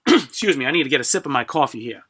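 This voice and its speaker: A middle-aged man hosting a live stream, chatting casually and haltingly to viewers, often clearing his throat. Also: medium pitch, lively intonation, a bit bright. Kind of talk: casual rambling chat to viewers.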